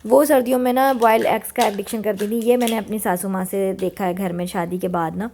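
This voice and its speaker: A woman's voice: mid-range voice, fairly even intonation, brisk, darkish tone, a little hiss or hum. A woman in her thirties narrating her home cooking in a chatty, homely voice-over, mixing English words into her talk. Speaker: cooking vlogger. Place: home kitchen.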